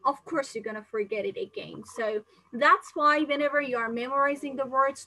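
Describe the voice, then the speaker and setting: A woman's voice: fairly high pitch, sharp tone, low-quality recording. A woman from Singapore, an English teacher giving a live-streamed exam-prep lesson, reading viewer questions aloud and answering them chattily with lots of fillers. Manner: frequent fillers and restarts, non-native phrasing.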